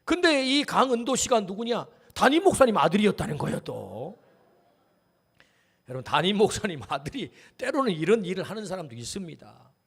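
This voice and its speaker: Man, pastor, lively sermon, high voice, long church reverb. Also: brisk, slightly rough. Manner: animated preaching, direct questions to the congregation. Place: church sanctuary.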